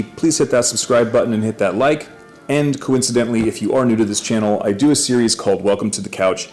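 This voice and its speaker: A man's voice: medium pitch, a little mellow. A man hosting his own channel, giving a casual, upbeat first-impressions review and correcting himself as he goes. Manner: chatty, self-correcting, upbeat. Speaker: fragrance reviewer.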